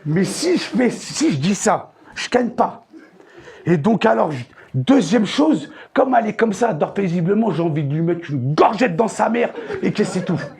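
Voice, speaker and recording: Male stand-up comic on stage, high-pitched and gravelly, crude slang with shouted outbursts. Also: expressive, normal speed, a faint crowd. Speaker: stand-up comedian. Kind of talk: stand-up comedy. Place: theater stage.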